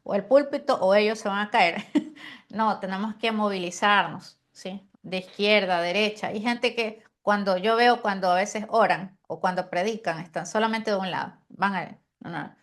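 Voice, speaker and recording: A woman gives a chatty lesson on preaching. She lets pauses hang on purpose and often checks in with her listeners. Her voice sits at a middling pitch. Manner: animated, uses deliberate pauses and demonstrations; frequent rhetorical "¿sí?" and "amén". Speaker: preaching teacher. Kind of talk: conversational teaching on preaching.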